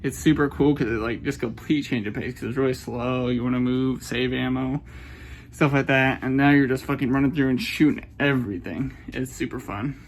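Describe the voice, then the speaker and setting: A man's voice: medium pitch, steady tone, normal speed, slight background noise. Rambling, cursing man in his twenties. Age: 20s. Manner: rambling, profane, self-conscious. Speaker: game reviewer. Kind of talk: casual game review monologue.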